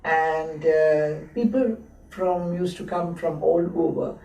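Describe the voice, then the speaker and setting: A woman in her seventies, born in Lahore and raised in Abbottabad, reminisces slowly as an interviewee, with many hesitant pauses. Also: deep voice, gravelly, dark tone. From born in Lahore, grew up in Abbottabad. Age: 70s. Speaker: interviewee, textile historian. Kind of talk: slow reflective reminiscing. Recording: roomy echo, mic at a distance, faint hiss.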